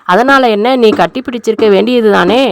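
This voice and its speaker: A woman narrating a novel aloud, voicing the dialogue in a lively, colloquial way. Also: fairly high pitch, fairly quick, creaky. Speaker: audiobook narrator. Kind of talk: novel reading with character voices.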